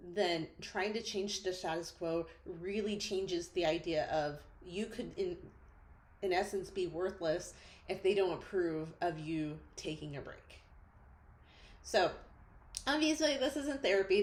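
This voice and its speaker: A woman therapist reflecting on a film character in a thoughtful, gently questioning way, with lots of casual fillers. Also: medium pitch. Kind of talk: reflective solo talk to camera. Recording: roomy echo.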